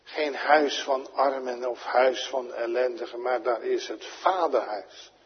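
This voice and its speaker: A man preaching a fervent sermon, repeating phrases and putting direct questions to the congregation, swinging from loud emphatic calls to quiet appeals. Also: medium pitch, measured pace, breathy edge. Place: church. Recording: lo-fi recording with long church reverb.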